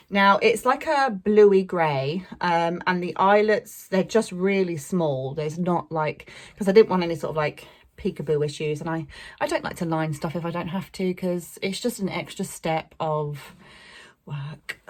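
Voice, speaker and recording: This fairly low-pitched, unhurried voice belongs to a young Englishwoman who vlogs about sewing. She rambles casually through a fabric haul, peppering it with fillers and little laughs.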